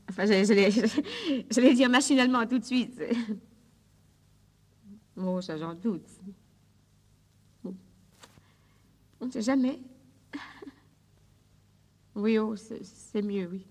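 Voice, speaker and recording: A woman's voice: a little high, a little mellow, husky, in a large hall, exaggerated voice. An actress playing a desperate, fragile woman who pleads on the telephone with the lover who is leaving her, in a 1950s recorded drama monologue. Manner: intimate, pleading, emotionally fragile.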